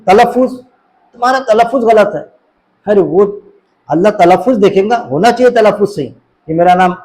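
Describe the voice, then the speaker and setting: Heard on a low-quality recording, a middle-aged Islamic preacher talks in a high, darkish voice. His informal religious talk is chatty and leans on rhetorical questions, and he acts out voices during anecdotes.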